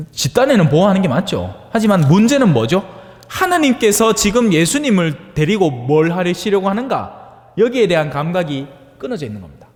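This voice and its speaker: Lively priest preaching in a hall. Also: male voice, a little high. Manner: conversational, asks the audience for agreement; acts out voices in dialect-tinged asides. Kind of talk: homily on the Gospel.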